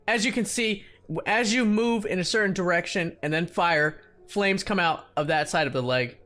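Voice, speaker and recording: A man excitedly commenting on a video game for his channel in a casual, hyped-up way, swearing now and then. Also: high voice, normal speed, faint music behind. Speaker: gaming YouTuber.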